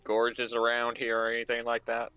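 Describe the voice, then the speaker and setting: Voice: medium pitch, monotone, normal speed, sharp tone, clear, resonant tone, dry recording. A tabletop game player who talks hesitantly, thinking aloud. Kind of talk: casual tabletop role-play.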